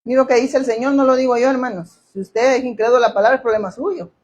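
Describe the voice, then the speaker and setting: A woman's voice: a little high, fairly even intonation, fast, darkish tone, dull audio. A woman preaching a sermon, emphatic, asking the congregation questions and acting out quoted voices.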